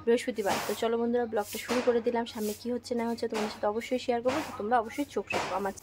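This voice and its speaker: A woman's voice: fairly high pitch, steady tone, very fast, very noisy. A young woman chatting casually to her viewers in a home vlog, filming on her phone. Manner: chatty, coaxing and soothing with her child. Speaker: vlogger and mother.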